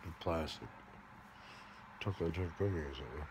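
A man in his forties with an American Midwestern accent, rambling half asleep in a drowsy, halting, mumbled drawl with casual swearing. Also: a bass voice. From Michigan, United States. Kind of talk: sleep talking, rambling monologue. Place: indoors, lying on a bed or couch. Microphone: phone held close by another person. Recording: noisy handheld phone recording.

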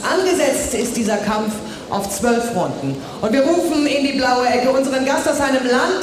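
A woman working as a boxing ring announcer, presenting a live gala in a formal but showy style with drawn-out fighter introductions. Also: high-pitched. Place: large indoor boxing arena. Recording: echoey arena PA with crowd noise. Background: crowd noise.

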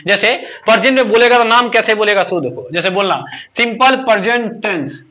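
A man's voice: high voice, lively intonation, a little fast, sharp tone. A male teacher, leading a grammar lesson and firing questions at his students for call-and-response answers. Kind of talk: classroom English grammar lesson.

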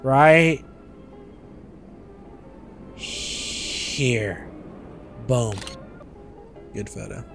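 A young man in his twenties giving casual, joking commentary while streaming a game, with loud outbursts and swearing, on a studio mic. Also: medium pitch, lively intonation, drawn-out words, vocal fry, pauses often, soft background music. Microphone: studio mic on arm.

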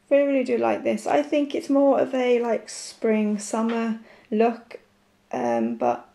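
This nail art vlogger's voice is croaky with a sore throat, somewhat high and mellow, as she chats to camera in a relaxed, stop-and-start way.

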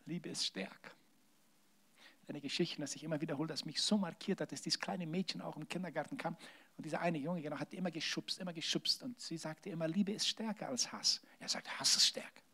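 Male preacher, high voice, animated sermon that drops to near-whispers. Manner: animated preaching with large swings in loudness, drops to hushed tones. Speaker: pastor.

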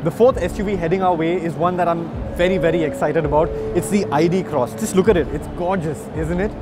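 A man's voice: a little high, fast talker. A man in his thirties presenting cars at an indoor auto show, upbeat and explanatory, speaking straight to viewers. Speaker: motoring journalist presenter. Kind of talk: presenting a car show walkaround. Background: loud music.

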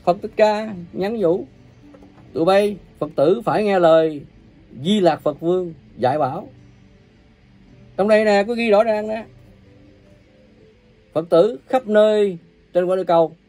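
Gravelly man ranting a scolding sermon. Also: unhurried, long pauses, soft background music. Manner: scolding and cursing, coarse insults; uneven volume, bursts loud then drops low. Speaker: self-proclaimed religious preacher.

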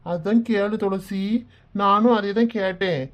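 A woman voicing a caring village father in an animated cartoon, soothing and fatherly. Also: medium pitch, measured pace, lightly acted. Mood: comic. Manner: soothing, fatherly advice and comic storytelling. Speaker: father figure. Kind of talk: Tamil cartoon voice acting.

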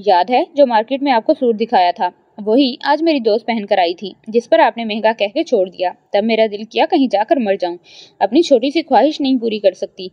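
Woman voicing spoiled young woman, petulant, complaining, fairly high voice, dry lo-fi sound. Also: animated, dry recording. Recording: dry, slightly dull lo-fi.

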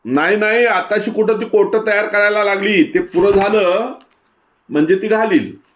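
A man's voice: high voice, moderate pace, pitched above the performer's own voice, lightly acted. A man voicing a chatty know-it-all village boy who eagerly explains things to his friends. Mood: explaining.

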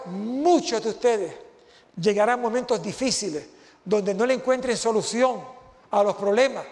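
A man preaching an impassioned sermon to graduates, repeating phrases for emphasis. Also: high voice. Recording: long hall reverb.

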